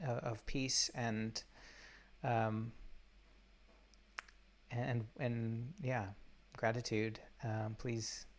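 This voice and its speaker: A man guides a meditation in a flat, even, mid-pitched voice. He talks haltingly, with many fillers and restarts. He records on a laptop or phone from a spot away from home. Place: undisclosed spot while traveling. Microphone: laptop or phone mic.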